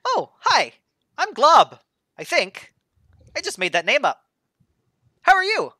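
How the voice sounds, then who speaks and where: Innocent, clueless blob creature, played by a man, high chirpy voice, bright tone. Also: wildly swooping pitch, slow, no room sound, studio quality, heavily acted. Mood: cheerful. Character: newborn talking ooze, cheerful and clueless.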